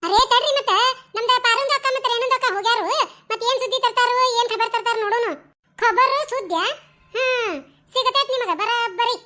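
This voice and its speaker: A woman doing squeaky cartoon village women. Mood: anxious. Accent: North Karnataka Kannada. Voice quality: very high, bright and shrill. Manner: fast, chattering village talk. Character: squeaky-voiced village women in a family quarrel. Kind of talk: cartoon dialogue acting.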